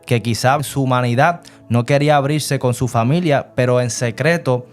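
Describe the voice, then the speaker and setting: A man's voice: medium pitch, moderate pace, faint music behind. Man hosting a faith interview. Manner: preachy, reflective questioning with many fillers. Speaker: host interviewing a guest.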